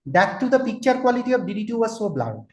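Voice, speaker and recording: A man's voice: sits high, big pitch swings, quick pace, a little mellow. A man in his forties from Kolkata with an Indian English accent, giving an online lecture, asking listeners questions and slipping into Hindi. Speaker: trainer, lecturer. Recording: roomy echo.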